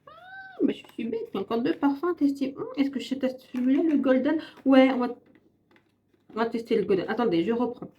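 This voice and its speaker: A woman's voice: a little high, fairly quick, warm tone, slight background noise. Chatty French woman reviewing makeup. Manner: chatty, rambling, self-correcting. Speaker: beauty vlogger. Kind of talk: casual makeup and perfume review.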